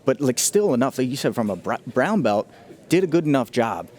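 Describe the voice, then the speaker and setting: A man's voice: medium pitch, sing-song, a little fast, a little mellow. A man giving casual, slangy and enthusiastic fight analysis as a commentator.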